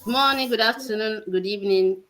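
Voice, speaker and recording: A woman's voice: fairly high pitch, a little fast, a bit bright. Woman guest greeting viewers. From Nigeria. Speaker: panel guest. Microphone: video call.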